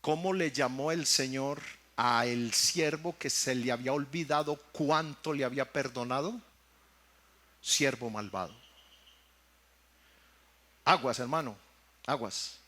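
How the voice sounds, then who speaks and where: A man's voice: on the high side, bright, forceful tone. A man with a Mexican Spanish accent preaching a sermon, speaking straight to his congregation and repeating phrases for emphasis. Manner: preaching with emphatic repetitions, addressing the congregation as brothers. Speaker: pastor.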